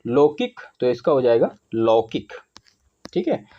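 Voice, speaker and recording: A man's voice: mid-range voice, sing-song, unhurried, dark tone. Man teaching spelling, lo-fi. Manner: explanatory, repeats each word wrong then right. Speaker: Hindi grammar teacher. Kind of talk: exam-prep lesson.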